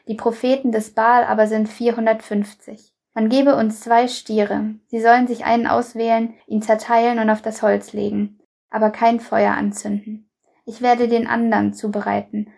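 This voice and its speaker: A woman voicing a stern male prophet who proclaims to a crowd, read slowly and solemnly in a Bible reading. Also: a little high, vocal fry, a little mellow.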